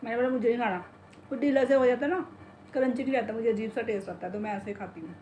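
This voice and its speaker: A middle-aged woman vlogs casually into the phone in her hand, rambling about her day and talking to her pet in her kitchen and bedroom at home. Her voice is on the high side, rapid-fire and dark-toned. There's a little hiss or hum.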